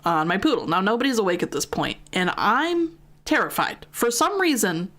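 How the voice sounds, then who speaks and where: A woman's voice: medium pitch, very animated, normal speed, fairly bright tone. A young American woman streamer casually telling a long story, chatty, with lots of fillers and swearing. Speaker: gaming streamer.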